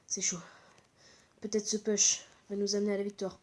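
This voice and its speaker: A female gaming host with a cold sounds stuffed up as she calls a match live, her medium-pitched, slightly mellow voice keeping fairly level at a normal pace. She's excited and exclamatory, repeating short interjections throughout.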